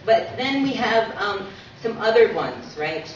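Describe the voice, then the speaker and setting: A woman, a guest speaker presenting a book, gives an informal public lecture in a community centre's echoing talk room, conversational, with little asides and read-out aphorisms. Her mid-range voice is sing-song and unhurried. Captured from far off in the echoey hall, the audio is muffled and noisy.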